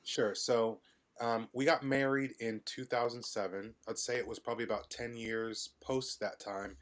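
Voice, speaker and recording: A middle-aged man from the American Midwest, chatting as a podcast guest in a relaxed way, with frequent ums and hesitations. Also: medium pitch, normal speed. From United States, Midwest. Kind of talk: casual interview conversation.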